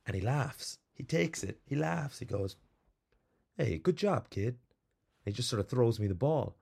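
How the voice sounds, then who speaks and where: A man hosting a podcast, telling a rambling, animated story with plenty of fillers before reading out some background. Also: medium pitch, normal speed, creaky, slightly rough. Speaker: podcast host. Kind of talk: casual storytelling monologue.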